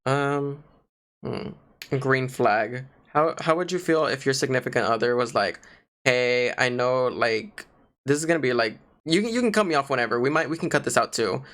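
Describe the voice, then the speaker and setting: A man's voice: mid-range voice, normal speed. A young man co-hosting a casual podcast, talking in a rambling way full of "like" fillers. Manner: rambling, lots of "like" fillers, animated. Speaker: podcast co-host. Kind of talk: casual chat.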